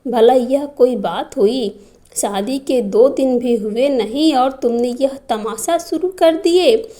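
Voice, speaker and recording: A woman's voice: high voice, slow pace, dark tone. A woman voicing a nosy middle-aged neighbour who pries and scolds in a reproachful tone. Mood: prying. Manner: prying and reproachful.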